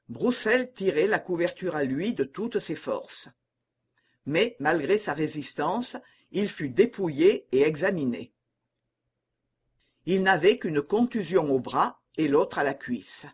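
Slow, husky male audiobook narrator. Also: a little high, lively intonation. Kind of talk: scripted narration of a novel.

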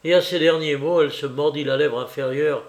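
A man reading a novel aloud in a measured, deliberate way. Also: fairly high pitch, fairly even intonation. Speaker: audiobook reader. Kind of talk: literary reading.

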